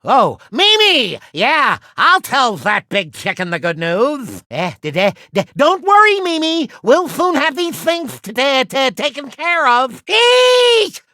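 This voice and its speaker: A man's voice: extremely high pitch, wildly swooping pitch, slow pace, hardly any pauses, pushed and bright, no echo, clean studio sound, heavily acted. A man voicing a vain, cowardly cartoon duck superhero in a video game, with a slushy lisp and a bombastic, wisecracking manner. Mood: nervous bluster. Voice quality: wet lateral lisp, slushy sibilants.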